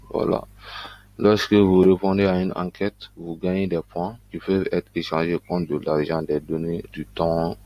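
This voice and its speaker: A man giving a casual screen-recording tutorial on earning money online, talking in a loose, halting way with frequent fillers. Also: low voice, darkish tone. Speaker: online business YouTuber.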